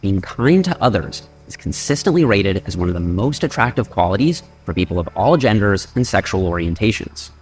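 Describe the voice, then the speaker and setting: A man narrating a scripted fitness explainer in a measured, data-driven way. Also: lowish voice.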